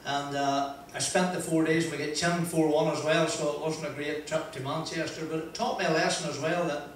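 Here an older Northern Irish motivational speaker holds a handheld mic in a large wood-panelled function room before an audience, telling chatty, self-deprecating stories full of "uh" pauses and laughter. His pitch is fairly high and his tone steady. The recording picks him up from far away in the echoey hall, with slight background noise.

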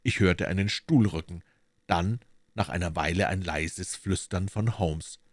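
Deep-voiced male audiobook narrator. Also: unhurried, no echo, clean studio sound. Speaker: audiobook reader.

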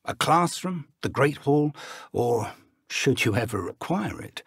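An actor playing an elderly British wizard professor in a video game, an earnest, courteous mentor with a gravelly, husky voice and measured, formal speech. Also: male voice, mid-range voice, animated, dry recording, studio quality, full character voice. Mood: calm, instructive. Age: older. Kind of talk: scripted video game dialogue.

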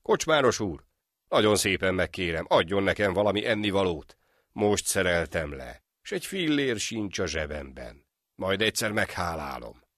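A man voicing a poor, humble discharged soldier in an animated folk tale, speaking in an earnest, pleading way. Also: sits low, no echo, clean studio sound, exaggerated voice.

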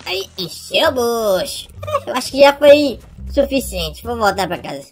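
A woman's voice: on the high side, very animated, unhurried. A woman role-playing a mother creature in a let's-play, talking casually and teasing her husband.

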